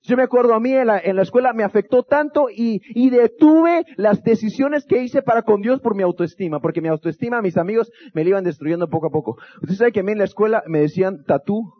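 Male youth pastor, high voice, jokey storyteller, muffled lo-fi sound. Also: animated, a little fast, hardly any pauses. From Guatemala. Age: adult, married. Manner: storytelling, acting out quotes with humor. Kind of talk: motivational talk to an audience.

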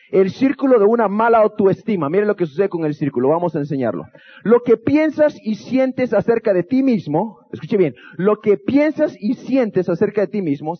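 A man's voice: sits high, slightly rough, lo-fi sound. A man from Guatemala, speaking as a youth pastor to an audience, telling stories with humor and acting out quotes. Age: adult, married. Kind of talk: motivational talk to an audience.

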